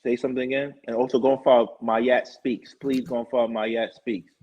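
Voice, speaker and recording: A man hosting his own live talk show, rambling through shout-outs and sponsor plugs in casual chat. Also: medium pitch, little pitch movement, a little fast. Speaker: show host. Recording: dull lo-fi stream audio.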